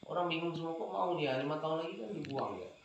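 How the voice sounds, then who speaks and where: A man preaching and telling a parable with animated delivery, repeatedly addressing his listeners as "Pak". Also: fairly high pitch, fast, highs cut off, slight background noise. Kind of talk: religious talk with a told parable. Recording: very echoey hall, faint ambience.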